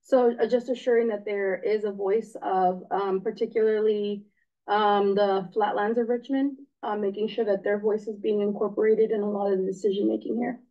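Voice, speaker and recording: A woman's voice: mid-range voice, fairly even intonation, moderate pace. A woman, a returning committee member and parent, introducing herself at a public meeting in an earnest, articulate way. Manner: earnest, articulate with some uhs. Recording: muffled meeting-room recording.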